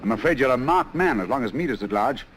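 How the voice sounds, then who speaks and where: A man playing a calm, clever detective, crisp and authoritative in 1940s film acting. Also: mid-range voice, fast talker, lightly acted. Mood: cool. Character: calm clever male detective, cool and firm. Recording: old film soundtrack with faint noise.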